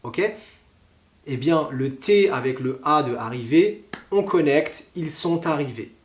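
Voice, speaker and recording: A man with a French accent teaching pronunciation, talking slowly and deliberately with many hesitations. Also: mid-range voice, animated, reverberant. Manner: slow, deliberate, with frequent hesitations.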